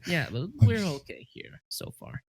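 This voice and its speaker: Lively-voiced man chatting casually. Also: mid-range voice, unhurried, slightly rough. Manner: laughs often, rambling with fillers. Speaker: podcast co-host. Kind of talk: casual chat.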